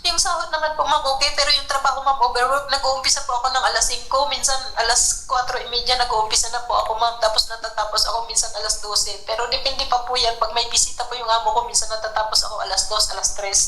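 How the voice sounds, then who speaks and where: Deferential woman worker abroad: bright, slightly high voice, quick delivery, echoey room sound. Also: level tone, faint music behind. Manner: deferential, ends nearly every phrase with a polite address. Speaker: overseas worker seeking help. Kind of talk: call-in interview.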